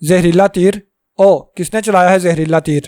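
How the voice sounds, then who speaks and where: A man's voice: high voice, steady tone, a little mellow, dry recording, clean studio sound, lightly acted. A man voicing a tiny, bald male dwarf priest who screams his threats in anger, in a read-aloud storybook. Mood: frantic.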